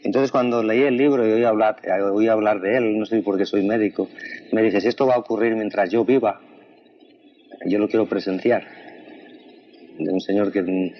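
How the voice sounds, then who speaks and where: A man with a fairly low voice conducts an earnest, conversational interview. He often repeats the guest's answers back to her. The recording sounds dull and lo-fi. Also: steady tone, moderate pace, pauses often. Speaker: interviewer, a doctor.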